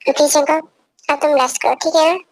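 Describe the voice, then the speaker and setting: A woman playing a controlling young husband, commanding and repetitive, high voice, dry close sound, fan dub drama. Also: fairly even intonation, brisk, no echo, faint music behind. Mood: coaxing. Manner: commanding, repeats orders. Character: possessive, domineering young husband who gives orders.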